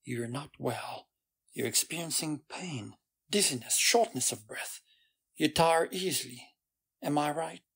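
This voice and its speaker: A man reading aloud, voicing a cold, detached man who speaks quietly and in measured tones. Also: fairly high pitch, creaky, slightly rough, exaggerated voice. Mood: cool.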